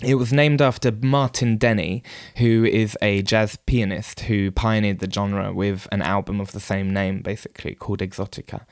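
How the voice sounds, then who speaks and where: A man co-hosting a podcast, telling a story in a relaxed, casual way with lots of ums and asides. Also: fairly low pitch, normal speed, hardly any pauses. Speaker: podcast co-host.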